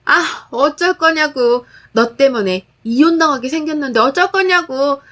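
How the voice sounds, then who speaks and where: A woman voicing a hysterical, spoiled young sister-in-law who shouts frantically. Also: high voice, animated, a little slow. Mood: frantic.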